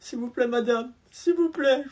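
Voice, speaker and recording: A high, whining schoolboy sobs and pleads with his teacher in a comedy skit, voiced by a man. His voice sits well above a grown man's range and stays tearful throughout. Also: a little slow, a little mellow. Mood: pleading.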